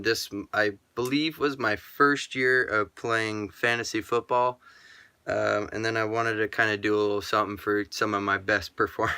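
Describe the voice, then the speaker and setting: A man casually chatting through his sports card collection in a relaxed, rambling way, full of ums and uhs. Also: on the low side, clear, resonant tone, dry recording. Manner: talks to himself aloud. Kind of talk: casual vlog chat.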